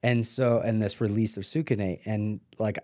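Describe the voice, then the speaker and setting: Mellow-voiced man rambling casually. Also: on the low side, steady tone, normal speed, dry recording, studio quality. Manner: rambling, filler-heavy, trails off quietly. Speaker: podcast guest. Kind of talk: casual conversation. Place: mountain home.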